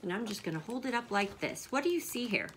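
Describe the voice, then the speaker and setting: A woman's voice: fairly high pitch, animated, fast, a little hiss or hum. A woman hosting a children's story time, asking young listeners questions and praising their answers like a teacher.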